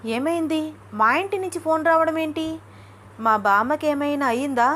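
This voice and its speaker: Excitable young bride in a story, high and bright, read by a woman. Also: moderate pace, close to an everyday voice. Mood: excited. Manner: bubbly, excitable. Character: lively young wife, excitable and shy.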